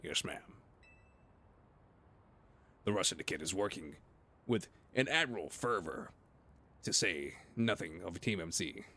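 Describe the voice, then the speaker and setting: A man voicing a deep-voiced obedient male underling who gives formal, clipped replies. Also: expressive, a little slow, pauses often, bright, forceful tone, exaggerated voice. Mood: deferential.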